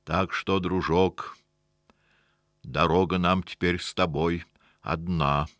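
A man's voice: fairly low pitch, huge pitch swings, takes it slowly, a bit bright, no echo, clean studio sound, pitched above the performer's own voice, heavily acted. A man voicing a sardonic, weary old miracle-worker. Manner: sardonic, grumbling.

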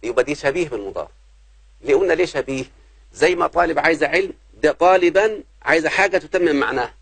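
Gravelly Egyptian man teaching grammar. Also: a little high, fast, a bit bright, no echo. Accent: Egyptian Arabic. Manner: keeps checking if students understand. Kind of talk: classroom grammar lesson. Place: classroom.

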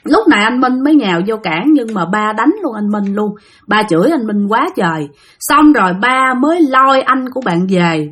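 A woman's voice: mid-range voice, a bit bright. A woman retelling a life story dramatically and speaking directly to her listeners.

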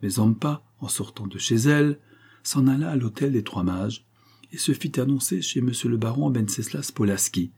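A man narrating a classic novel as an audiobook reader, in a steady, even storytelling manner. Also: mid-range voice, normal speed, gravelly, husky.

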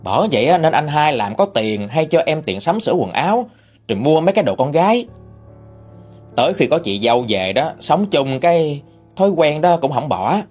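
A man narrating a first-person story in an expressive, indignant manner. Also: on the high side, moderate pace, faint music behind.

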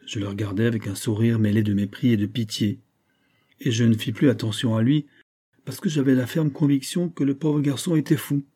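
A man's voice: mid-range voice, steady tone, brisk, mellow, slightly rough, close to an everyday voice. A man reading the part of a grieving old gunsmith who confides his sorrow in an emotional, storytelling way. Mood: sorrowful. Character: grieving old Genevan gunsmith, tender, despairing.

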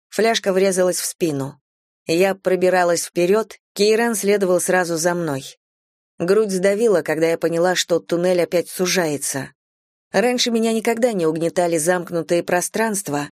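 A woman narrating a fantasy novel in the first person, in a measured storytelling manner. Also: on the low side, a little mellow, dry recording, clean studio sound. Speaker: audiobook narrator. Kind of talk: scripted narration.

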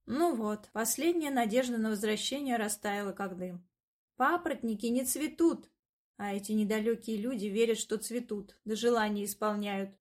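A woman reading a first-person fairy-tale audiobook in a lively, ironic storytelling manner. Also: fairly high pitch, moderate pace. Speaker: narrator.

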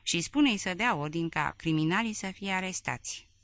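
A woman's voice: lowish voice, lively intonation, fairly bright tone. A woman voicing an aging male head of state who barks orders and rants indignantly. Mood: furious. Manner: barking, indignant.

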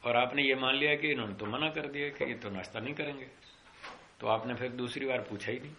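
A middle-aged man with a bright, ringing voice teaches a class on yoga philosophy. He explains slowly, comes back to the same key terms, and acts out the people in his little stories. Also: medium pitch, slight background noise. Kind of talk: classroom lecture with anecdotes.

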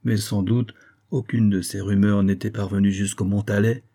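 A man narrating a classic novel in a measured storytelling manner. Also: lowish voice, little pitch movement, mellow. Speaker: audiobook narrator.

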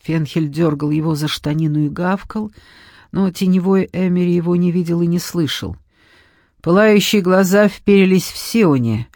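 Measured audiobook narrator, dry sound. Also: medium pitch, a little mellow, dry recording. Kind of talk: scripted narration.

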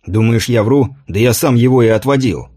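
A man's voice: medium pitch, moderate pace, warm tone, lightly acted. A man voicing a loyal, plain-spoken palace guard sergeant who talks in a coaxing, colloquial way. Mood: blunt.

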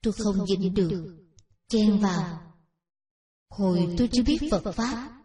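A woman narrating a Buddhist teaching story in a measured, plain storytelling manner. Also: mid-range voice, dark tone. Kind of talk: read Buddhist dharma story. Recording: roomy echo, distant from mic.

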